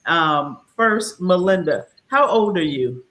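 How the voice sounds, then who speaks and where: A woman in her fifties hosting a casual talk show, lively and quick to laugh with playful asides. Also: lowish voice, rough recording. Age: 50s. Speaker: host. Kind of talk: casual chat.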